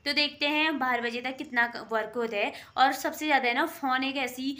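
A woman's voice: high-pitched, steady tone, normal speed, bright, forceful tone. A young woman from the Indian hills talking casually in a daily vlog while sewing at home, chatty and rambling with many fillers, sometimes earnestly pleading. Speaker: vlogger.

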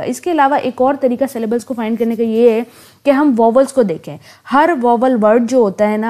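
A young woman with a fairly high, mellow voice gives a recorded lecture on poetry. She explains in a relaxed way, then slows right down to read definitions word by word. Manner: switches to slow, careful reading for English definitions. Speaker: literature teacher.

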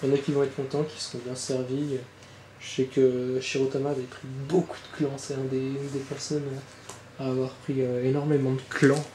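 Opening trading card boxes for his channel, a man chats loosely through the unboxing in a mellow, darker, mid-range voice with little pitch movement and a slightly quick pace. He rambles, leans on fillers and swears offhandedly. The indoor room sounds roomy and echoey, with a faint ambient hum and birds outside.

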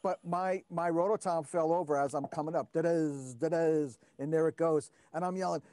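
A man's voice: fairly high pitch, normal speed, no echo. A man in his fifties, a former drum line member, animatedly telling stories in a casual reunion chat. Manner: animated storyteller, acts out shouting.

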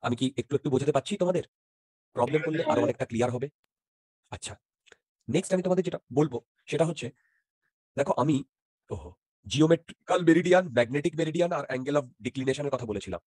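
A man's voice: fairly high pitch, animated, rapid-fire, pauses often, a little mellow, slightly rough, no echo, studio quality. A man teaching physics in an interactive online class, often checking whether students follow and mixing in English terms.

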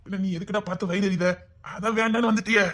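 Brief: man playing a needling young friend, Tirunelveli Tamil accent, quick and bright, comic sketch banter. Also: high voice, fairly even intonation. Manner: mocking, needling. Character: teasing young man mocking his heartbroken friend. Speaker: comedy sketch actor.

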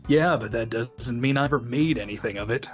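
A man playing through a game with a friend, laid-back and quick to laugh, heard over choppy internet call audio that keeps cutting out. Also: medium pitch, faint music behind. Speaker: player in a let's play, voicing game characters. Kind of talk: casual let's play chat over a call. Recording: dull, lo-fi online call audio.

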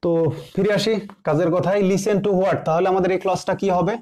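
High-voiced teacher explaining grammar. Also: male voice, steady tone, darkish tone. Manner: repeats English examples slowly word by word, asks and answers his own questions. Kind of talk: classroom grammar lesson.

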